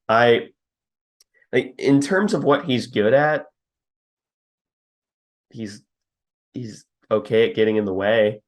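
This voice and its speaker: Speaking slowly at a medium pitch and pausing often, a young man co-hosts a podcast and casually breaks down a football team's linemen. Between reading stats, he laughs at the jabs he makes, in relaxed scouting talk.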